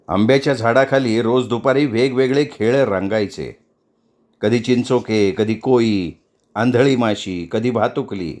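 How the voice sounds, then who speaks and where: A man reading a novel aloud as a storyteller, in a measured, even narration. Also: medium pitch.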